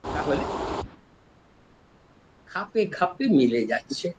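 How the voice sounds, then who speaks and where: An older man from East Bengal lectures as a professor, with an East Bengali accent. His voice sits a little high for a man and rises and falls in lively swings as he works through each point patiently. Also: a little hiss or hum, rough recording. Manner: explains slowly and step by step, lively rises and drops in voice. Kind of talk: scholarly lecture on word origins.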